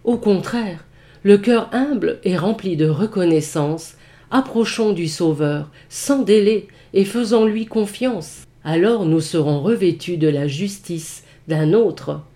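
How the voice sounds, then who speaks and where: A woman giving a scripted daily devotional reading in a slow, measured, solemn manner. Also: lowish voice, mellow. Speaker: devotional reader.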